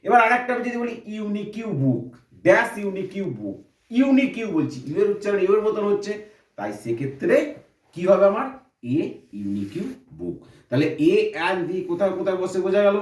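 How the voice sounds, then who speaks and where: A man gives a grammar lesson in a high voice that rises and falls a lot. He explains step by step, posing questions and then answering them. He sounds a little distant, in a room with a noticeable echo. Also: sing-song, a little fast. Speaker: English grammar teacher.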